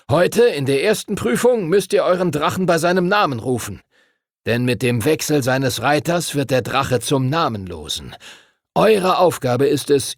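Male narrator doing a gravelly, dry-voiced old dragon master, solemn and commanding in a storybook reading. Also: mid-range voice, no room sound. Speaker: teacher of dragon riders. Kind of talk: audiobook character voice.

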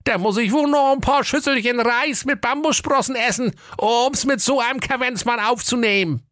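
A man's voice: extremely high pitch, normal speed, a bit bright, no room sound, clean studio sound, pitched above the performer's own voice. A man voicing a brash, blustering male ninja who is secretly cowardly, in a comic fairy tale. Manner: brash, insulting.

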